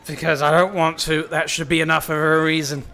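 A man's voice: on the high side, flat delivery, a little fast, pushed and bright. A man streaming a game live, swearing freely and teasing in a playful, mock-theatrical way. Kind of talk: live gaming stream commentary.

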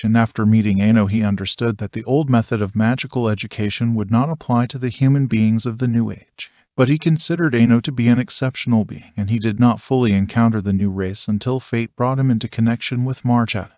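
A man narrating an audiobook in a measured, even reading. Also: medium pitch, no echo, clean studio sound.

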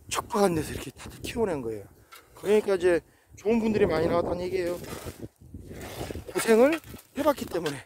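A man in his forties talking outdoors on a rocky hillside in a casual vlog, with a preachy manner and frequent affirmations. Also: sits high. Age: 40s. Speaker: vlogger. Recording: noisy outdoor recording.

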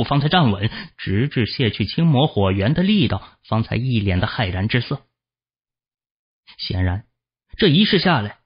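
A man narrating a fantasy novel as an audiobook, with expressive storytelling, in a dull lo-fi recording. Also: medium pitch, husky.

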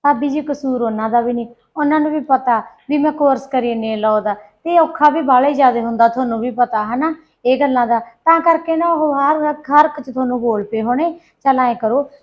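A woman's voice: high-pitched, fairly quick, dull audio, lightly acted. A woman playing a kind, reassuring young law student. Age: young adult. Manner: reassuring, friendly, soothing. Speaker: daughter in a family short film. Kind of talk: amateur family drama acting.

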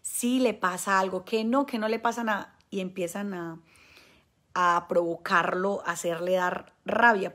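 A Colombian woman, a spiritual healer, speaking emphatically to her viewers. She stresses points by repeating words. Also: lowish voice. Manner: acts out the people she quotes. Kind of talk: monologue addressed to viewers.

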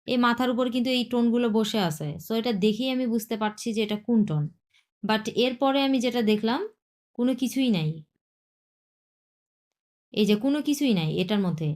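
A woman's voice: a little high, moderate pace, pauses often, darkish tone. A woman, teaching an online language class, patiently repeating points and checking that students follow.

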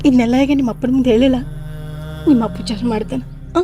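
A middle-aged woman playing a quick, irritable village mother with a North Karnataka Kannada accent. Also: sits high, fairly even intonation, over music. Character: sharp-tongued village mother.

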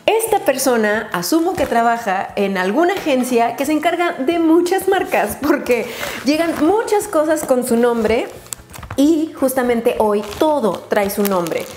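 Excitable Mexican woman, higher voice. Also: measured pace. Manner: chatty and excitable, drops English exclamations. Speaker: beauty vlogger. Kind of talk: unboxing haul chat. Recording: roomy echo with faint noise.

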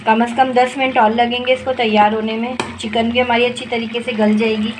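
With a slightly high, fairly flat voice and a somewhat fast pace, a woman explains her home cooking video to viewers one step at a time. Her tone is homely and instructive, and she records with a phone above her kitchen stove. Sizzling and stirring fill the background, making the audio noisy.

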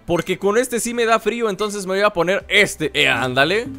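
A man provides let's-play gameplay commentary, playfully teasing enemies with mock insults over loud game music and sounds. His voice sits high with lively intonation at normal speed.

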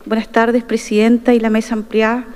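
A middle-aged woman serving as a constitutional convention delegate reads part of a formal opening speech into a podium desk mic. Her voice is high yet darkish, brisk and monotone, though earnest and proud as she stresses key phrases, with long reverb from the large wood-panelled chamber.

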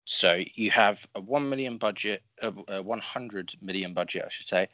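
A man's voice: lowish voice, normal speed, pushed and bright, dry recording, lo-fi sound. A man co-hosting a casual podcast, explaining things with dry, teasing humor. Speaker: podcast co-host.

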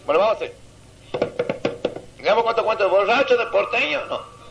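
A man's voice: high-pitched, lively intonation, brisk, creaky, music in the background, low-quality recording. A man from Santiago del Estero with a Santiagueño Argentine accent, telling crude jokes outdoors as a stand-up comedian and laughing at his own punchlines. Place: outdoors on a seaside promenade.

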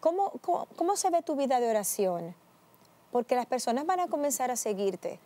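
Mellow higher-voiced woman host. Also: very animated, fairly quick. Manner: affirming, interjects short blessings. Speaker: interviewer host. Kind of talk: faith talk show interview.

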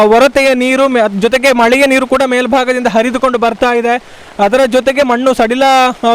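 High-voiced man reporting on location. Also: clean tone. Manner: earnest, explanatory, pointing things out to viewers. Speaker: field reporter. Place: outdoors on a hillside plantation.

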